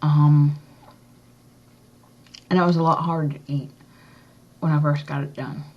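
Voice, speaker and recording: A woman chatting casually in a rambling, halting, matter-of-fact way, talking with a slightly swollen tongue. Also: deep voice, little pitch movement. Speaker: vlogger. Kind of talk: casual chat to camera, piercing update. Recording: dull, lo-fi recording.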